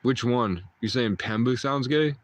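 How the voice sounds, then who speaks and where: A man in his twenties speaks in a mid-range voice at a measured pace. He's hosting a livestream, rambling to viewers in a meandering, mystical way, restarting often and letting out short chuckles.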